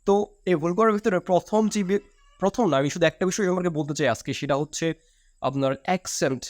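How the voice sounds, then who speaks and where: A man's voice: high-pitched, brisk, darkish tone, no room sound, clean studio sound. A man, giving a chatty spoken lesson as an English teacher and correcting himself as he goes. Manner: chatty, self-correcting, addresses listener as brother. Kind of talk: casual spoken lesson to camera.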